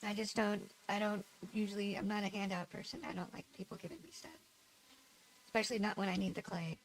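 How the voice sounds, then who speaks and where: Streaming a game, a woman chats fast in a nasal, medium-pitched voice with little pitch movement, rambling, giggling and poking fun at herself. The recording is rough and carries a faint hiss or hum.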